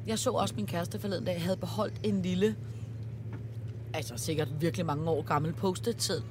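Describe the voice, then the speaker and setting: A woman co-hosting a podcast, chatting casually and telling stories with warm exclamations, recorded on a train. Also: lowish voice, background noise. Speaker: podcast co-host. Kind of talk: casual chat.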